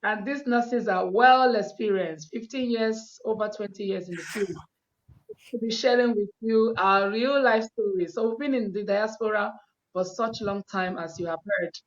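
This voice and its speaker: A woman hosts an online panel, introducing guests in an upbeat, encouraging way. Her voice is mid-range and her speed normal. The recording sounds dull and lo-fi.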